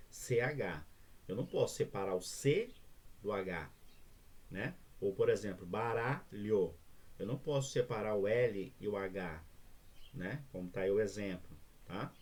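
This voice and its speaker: Husky Brazilian man teaching a class. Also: lowish voice, moderate pace, a little mellow. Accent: Brazilian Portuguese. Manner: explanatory, repeats "né?" and "tá?" checks. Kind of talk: remote class lesson.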